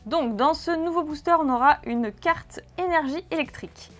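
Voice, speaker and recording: A woman with a fairly high voice hosts a casual card-opening video. She rattles off card names and bursts into gushing exclamations. Faint music plays behind her. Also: normal speed. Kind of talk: excited casual card unboxing.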